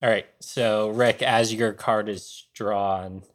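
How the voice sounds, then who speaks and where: A man's voice: lowish voice, fairly even intonation, takes it slowly, crowd noise. A man acting as game master, narrating a tabletop game.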